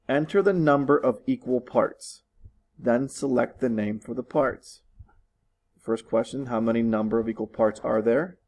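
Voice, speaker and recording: A man's voice: mid-range voice, vocal fry, darkish tone, low-quality recording. A man teaching his students from his living room, walking them through test questions patiently and repeating instructions. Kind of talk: recorded online lesson walkthrough.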